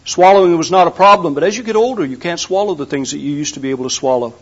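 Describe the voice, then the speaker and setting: Older male preacher, high-pitched, homespun humor, muffled lo-fi sound. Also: racing, breathy edge. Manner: folksy storytelling with humor. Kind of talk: sermon. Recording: dull lo-fi recording.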